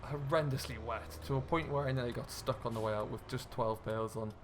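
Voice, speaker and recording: Fairly quick and fairly even in intonation, a medium-pitched man keeps up a chatty running commentary while playing a farming simulator. The clip, a casual let's-play from a gaming video creator acting as host, has a noisy background.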